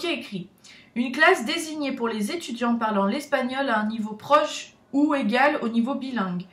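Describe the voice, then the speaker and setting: Chatty young Frenchwoman in an echoey room. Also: a little high. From France. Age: young adult. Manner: chatty, nervous, self-deprecating, with many restarts. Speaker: vlogger. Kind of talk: casual chat to camera.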